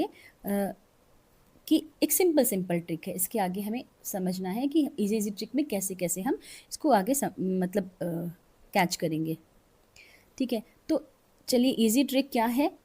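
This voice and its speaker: A woman's voice: medium pitch, expressive, mellow, slightly rough. A woman teaching English grammar in Hindi mixed with English, explaining step by step and reading out example sentences word by word. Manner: slow, explains step by step, often checks with "ठीक है". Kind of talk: Hindi-English grammar lesson with board drawings.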